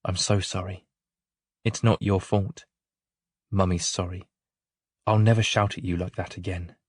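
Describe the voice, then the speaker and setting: A man reading aloud as an overwrought young mother in a storybook, her voice pushed well above his own low register, raw and close in a dry, deadened recording. She swings between strained outbursts and tearful pleading. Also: level tone, measured pace, dry recording. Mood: tearful remorse. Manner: raises voice sharply, then breaks into tearful apology. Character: distraught young mother, volatile then remorseful.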